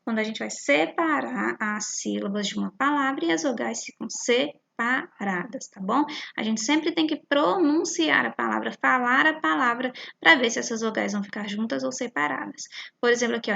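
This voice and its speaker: A Brazilian woman with a slightly high, gravelly voice talks a young class through a worksheet. She is patient, breaks words into syllables slowly and keeps checking in with the children. The sound is a dull, lo-fi recording. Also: a bit bright. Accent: Brazilian Portuguese. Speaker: primary school teacher.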